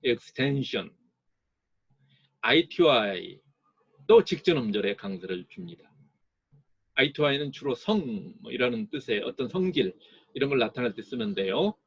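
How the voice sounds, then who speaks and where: A man giving a recorded lecture as an English teacher, explaining slowly and sounding out words to model their stress. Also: mid-range voice, very animated, creaky, slightly rough, no room sound, lo-fi sound.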